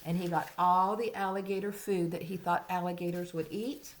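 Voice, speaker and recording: A woman reading a picture book aloud as if to a toddler, with simple questions and expressive, teacherly storytelling. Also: fairly low pitch, normal speed, rough recording. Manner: simple child-directed talk, as if reading to a toddler; expressive storytelling, dropping to hushed asides.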